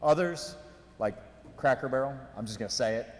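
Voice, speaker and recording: A man delivering a prepared mayoral speech at a ceremony, in deliberate, emphatic oratory with measured pauses. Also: mid-range voice, animated. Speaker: mayor giving an inaugural speech. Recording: reverberant hall, long echo.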